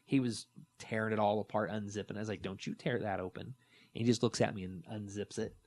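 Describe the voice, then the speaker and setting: A man with a fairly low voice co-hosts a casual podcast. He tells long stories in an animated way. He acts out the quoted lines as he goes. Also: quick pace. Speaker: podcast co-host. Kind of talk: casual chat.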